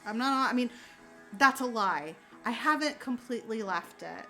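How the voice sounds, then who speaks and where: A middle-aged woman chatting casually as she works on a craft, candid and quick to swear, laughing often and correcting herself mid-sentence. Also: a little high, animated, pushed and bright, faint music behind. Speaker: crafter chatting while working. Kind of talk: casual chat.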